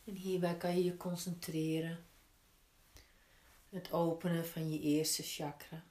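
Female yoga teacher, lowish voice, very slow and gentle guided instruction, roomy echo. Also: flat delivery. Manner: gentle, unhurried step-by-step guiding with pauses. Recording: roomy, echoing indoor sound.

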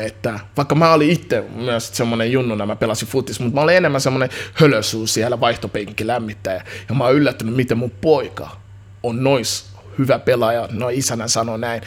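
This thirty-something musician, who also coaches kids' football, chats loosely in an interview, full of slang, false starts and lively tangents. His pitch is medium.

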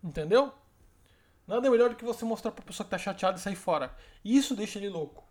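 A man who hosts a relationship advice podcast. He lectures emphatically and acts out example lines in a softer voice. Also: high-pitched, lively intonation, quick pace.

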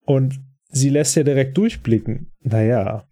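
A man's voice: medium pitch, unhurried, warm tone. A man hosting a podcast, chatty and rambling as he casually retells an episode. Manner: chatty, rambling, many fillers. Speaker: podcast host.

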